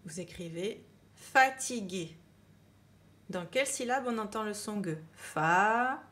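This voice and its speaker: A woman's voice: medium pitch, animated. A woman teacher giving a dictation lesson to children, repeating each word with emphasis and spelling it out letter by letter. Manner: slow, clear dictation, spelling words letter by letter. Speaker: primary school teacher.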